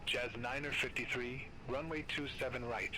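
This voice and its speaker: A man voicing a businesslike air traffic controller in a flight game, giving clipped clearances through a radio filter. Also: mid-range voice, steady tone, normal speed, pushed and bright. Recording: noisy aviation radio transmission.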